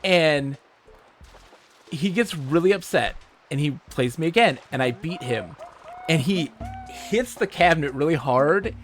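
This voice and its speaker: A man from Michigan, livestreaming, who tells animated, swear-laced stories and reads chat aloud. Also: on the high side, unhurried, pauses often, faint music behind. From Michigan, USA. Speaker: streamer. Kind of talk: casual storytelling while livestreaming a game.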